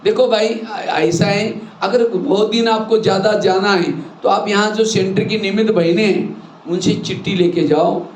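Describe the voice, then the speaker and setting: A man's voice: high-pitched, steady tone, unhurried. A man teaching a spiritual class, explaining rules with everyday examples and rhetorical questions. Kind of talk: sermon to a class. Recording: echoey hall with faint noise.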